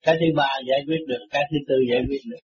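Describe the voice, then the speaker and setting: A man giving an informal Buddhist teaching in a blunt, repetitive, scolding manner, with a husky voice. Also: on the high side, fairly even intonation, very fast, lo-fi sound, faint music behind. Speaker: spiritual teacher.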